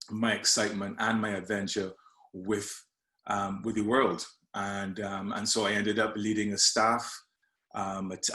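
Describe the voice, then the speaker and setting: Man, low voice, friendly coach presentation, hesitant with fillers, echoey room. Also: a bit bright. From Barbados. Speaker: life coach presenting a leadership talk. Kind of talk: presentation with slides.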